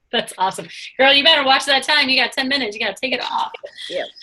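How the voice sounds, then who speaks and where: A woman chatting on a video call, gushing about products in a casual sales pitch with lots of fillers. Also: fast talker, pushed and bright, rough recording. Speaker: product presenter.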